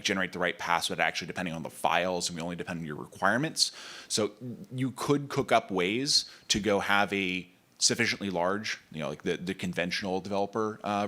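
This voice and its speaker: Low-voiced man with a bright, forceful tone. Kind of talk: technical explanation.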